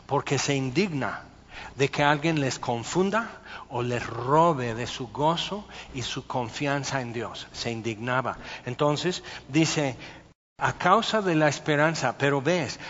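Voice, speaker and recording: A man, a pastor preaching a sermon and telling stories with lively, acted-out voices. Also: a little high, a little hiss or hum. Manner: animated storytelling, acting out voices. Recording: muffled sound with long hall reverb.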